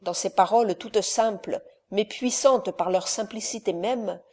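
A woman with a mid-range voice narrates an audiobook of a classic novel, reading in a measured, expressive manner.

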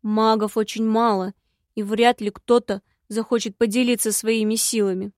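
A woman voicing a secretive, grumbling male imp in an audiobook, speaking slowly and gruffly. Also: fairly high pitch, flat delivery, a little mellow, no echo, clean studio sound, lightly acted. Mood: glum.

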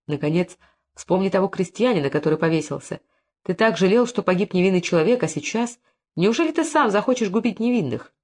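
A man's voice: high voice, lively intonation, a little fast. Woman reading as a cautious persuasive courtier. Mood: pleading. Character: cautious young male courtier, reasoning.

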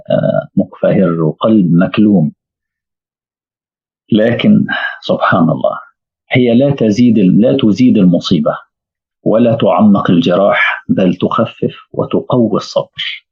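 A man's voice: lowish voice, normal speed, creaky, pauses often, slightly rough. A man with an Egyptian Arabic accent giving a religious lesson, telling stories and posing rhetorical questions. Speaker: preacher. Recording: tinny phone-like audio.

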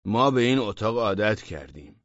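A man's voice: fairly low pitch, expressive, no room sound, lo-fi sound, close to an everyday voice. A man voicing a rude, pushy intruder in a blunt, bossy manner, in a storybook reading. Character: rude pushy man who broke into the flat.

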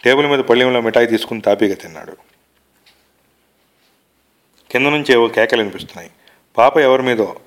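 A man reading a short story aloud in a measured, unhurried way. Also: medium pitch. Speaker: reader of short stories. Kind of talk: literary narration.

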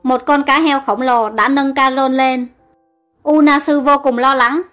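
High-voiced woman narrating a story. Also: fairly even intonation, measured pace, fairly bright tone, soft background music. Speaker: audiobook narrator.

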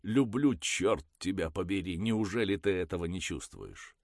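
A man reading the part of a hurt young man who turns loud, emphatic and sarcastic. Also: deep voice, expressive, unhurried, no room sound, studio quality, voice pushed up. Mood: desperate. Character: desperate, hurt young man, quick to mock.

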